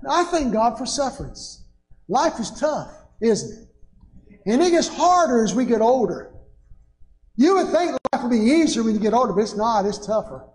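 A man's voice: extremely high pitch, very animated, normal speed, a little mellow. An older man, preaching a sermon from a church pulpit with rising, emphatic bursts. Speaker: pastor. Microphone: pulpit microphone. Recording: echoey church sanctuary.

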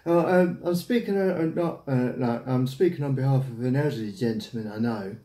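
A man in his thirties with an English accent makes a casual prank phone call, hesitant and rambling, from a small domestic room indoors. His voice is medium-pitched, a little fast, and dark in tone. A camera about arm's length away picks him up, and the room sounds echoey.

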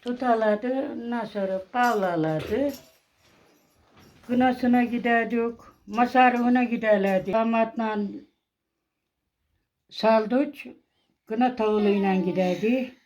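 A woman's voice: a little high, slow pace, long pauses, a little mellow. A woman from rural Turkey with a village dialect, reminiscing informally as she is interviewed. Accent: rural Turkish village dialect. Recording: dull, lo-fi recording.

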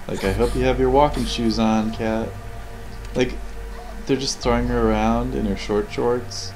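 With video game cutscene audio and music in the background, a man rambles casually, critiquing the cutscenes off the cuff. He has a creaky, mid-range voice, and the audio is poor.

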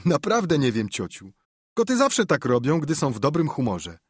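Guy doing a sneaky little kid in an audiobook, cheeky, voice pushed up high. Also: huge pitch swings, moderate pace, breathy edge, no room sound, studio quality, exaggerated voice. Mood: feigning innocence. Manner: cheeky, pleading innocence. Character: mischievous sly young boy.

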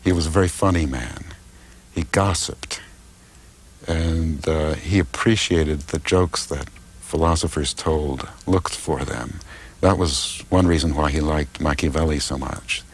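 Older man with a very deep voice. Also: a little slow, husky. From United States. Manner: thoughtful, hesitant, many fillers and restarts. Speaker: political philosopher and translator. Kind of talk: interview answers.

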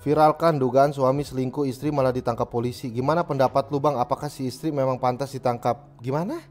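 A man's voice: medium pitch, fairly even intonation, fast, darkish tone, soft background music. A man, a livestream host who reads viewer messages and gives joking, slangy advice. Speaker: streamer reading viewer messages. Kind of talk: casual livestream chat.

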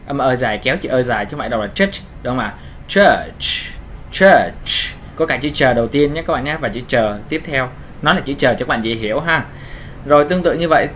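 A man's voice: mid-range voice, fairly bright tone, slight background noise. Patient male pronunciation teacher. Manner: patient, repeats sounds, checks with "right?". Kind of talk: pronunciation lesson.

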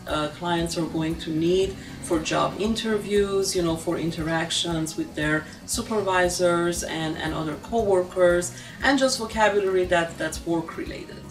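An earnest middle-aged woman speaks in a documentary interview, filling pauses with "um" and "you know". Her voice sits a little low. Music plays under her, and she sounds a bit distant from the mic. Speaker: refugee agency staff member.

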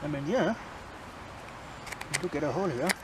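Speaking at a normal speed in a voice on the high side, a man in his thirties who vlogs about bushcraft demonstrates a knife in the forest. He chats casually and chuckles between remarks. The handheld camera mic records background noise and forest ambience along with him.

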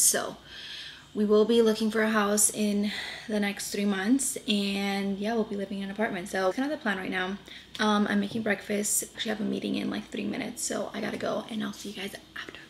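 A woman's voice: mid-range voice, steady tone, fairly quick, creaky, slight background noise. A young woman talking casually to her camera in a vlog, chatty and rambling with fillers, at home and in her car. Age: young adult. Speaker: vlogger. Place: home kitchen, then inside a parked car.

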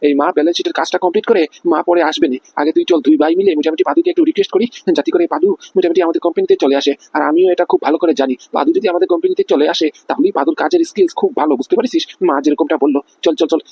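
A man voicing a high gravelly pushy boss. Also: very animated, very fast, hardly any pauses, mellow, no room sound, exaggerated voice. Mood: coaxing. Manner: keeps asking if he is understood. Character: pushy middle-aged male company boss. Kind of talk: cartoon voice acting.

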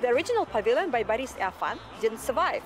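A woman in her thirties from Russia giving an articulate, measured vlog tour as a guide. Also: a little high, very animated, music in the background. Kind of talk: scripted vlog narration.

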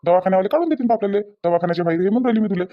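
A man voicing a young village husband and son-in-law in a cartoon, with a Varhadi Marathi accent, pleading for calm. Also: sits high, racing, no echo, muffled recording. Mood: placating. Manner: pleading, placating.

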